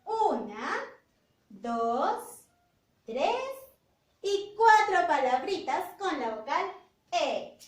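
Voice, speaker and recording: A woman teacher leads young children through a phonics game, stretching each word out in a slow sing-song. Her voice sits high and swoops all over. It is recorded in an echoey room, a bit away from the mic. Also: very animated. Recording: roomy echo, voice from a distance.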